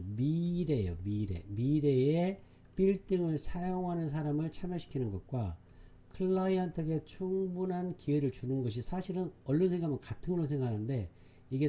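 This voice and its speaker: This man's voice is mellow and of medium pitch. In an exam-prep English lecture on a reading passage, he hammers home key words through emphatic repetition and keeps checking that students are keeping up.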